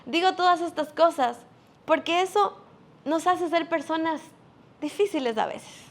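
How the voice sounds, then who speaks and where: A woman's voice: very high voice, measured pace. A woman preaching a sermon, earnest and emphatic, speaking to a young congregation.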